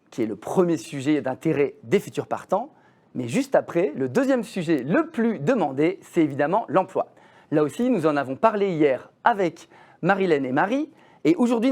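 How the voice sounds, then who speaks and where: A man's voice: fairly high pitch, darkish tone. A man hosting an online conference series, introducing the speakers in a formal, scripted, announcing way.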